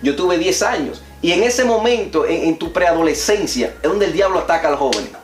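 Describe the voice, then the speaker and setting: Higher-voiced man preaching his testimony. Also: animated, a little fast, roomy sound, faint music behind. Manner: earnest, preachy storytelling. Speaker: evangelist guest. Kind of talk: testimony in casual conversation.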